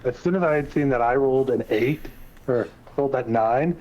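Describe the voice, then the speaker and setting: A man's voice: mid-range voice, a little fast, darkish tone, poor audio. A man chatting casually as a player after a tabletop game. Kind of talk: casual chat.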